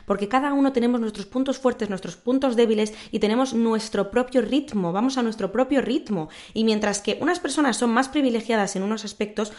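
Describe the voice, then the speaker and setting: A woman in her twenties hosting a solo podcast, giving candid advice in a chatty, informal way with frequent tag questions. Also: a little high. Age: 20s. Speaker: podcast host.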